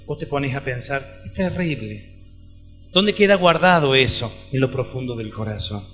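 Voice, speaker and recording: A man preaching in Rioplatense Spanish, retelling a woman's story and her doctor's words, his voice swinging from loud stresses to hushed lines. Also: medium pitch, expressive, normal speed, faint music behind. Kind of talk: sermon with retold dialogue. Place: large event hall.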